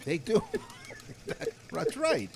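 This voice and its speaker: Male co-host, animated pitch, pun-heavy banter, faint noise behind. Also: extremely slow. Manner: pun-telling, laughs often. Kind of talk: joking radio chat.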